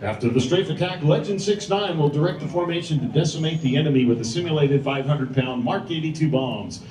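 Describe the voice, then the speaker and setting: A man works as an airshow commentator, announcing in an emphatic, scripted style. His voice sits a little high. It rings with strong echo over an outdoor PA and is picked up from a distance. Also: a little fast, darkish tone. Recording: echoey PA, heard from far off.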